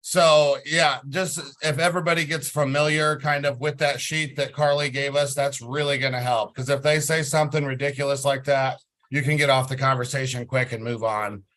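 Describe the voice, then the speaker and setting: A man in a group video call who asks questions and rambles in a relaxed, casual way. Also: mid-range voice, normal speed. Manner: relaxed and rambling, acts out his own past talk. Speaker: group member asking questions.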